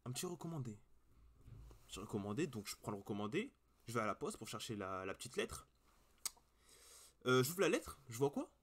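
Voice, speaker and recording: A man's voice: mid-range voice, sing-song, fairly quick, long pauses, slightly rough. A young man hosting a reaction video, chatting casually to his viewers in slang and swearing freely into a cheap webcam mic.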